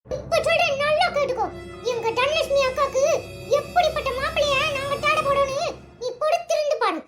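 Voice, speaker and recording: A woman's voice: very high-pitched, brisk, fairly bright tone, soft background music. A woman voicing a taunting village girl in a cartoon, who scolds with a Tirunelveli Tamil accent. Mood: scolding.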